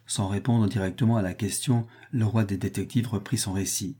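A man reading a French novel aloud as an audiobook narrator, steady and literary. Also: on the low side, fairly quick, slightly rough. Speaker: audiobook reader.

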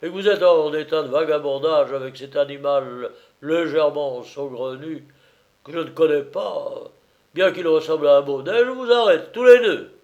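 A man voicing a pompous, blustering male gendarme who barks his questions loudly. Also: fairly high pitch, unhurried, highs cut off, lightly acted. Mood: furious. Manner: loud, pompous, bullying.

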